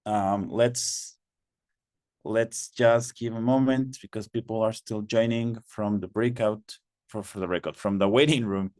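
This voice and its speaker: Man, webinar host, unhurried, lowish voice, patient, repeats himself, video call. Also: fairly even intonation, a little mellow, no echo, studio quality. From Mexico. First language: Spanish. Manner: patient, repeats instructions, many fillers. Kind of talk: online webinar moderation.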